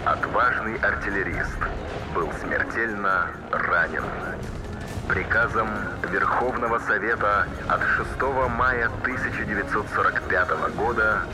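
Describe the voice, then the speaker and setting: A low-voiced male narrator reads like a Soviet wartime announcer. His delivery is formal, solemn and measured, set over loud music with battle sounds. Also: low-quality recording. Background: loud music, artillery and engine sounds.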